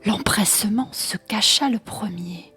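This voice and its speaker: Asmr storytime lady, super breathy whisper right in your ear, really slow, music in the background. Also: medium pitch, pushed and bright. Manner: slow, unhurried delivery with long pauses.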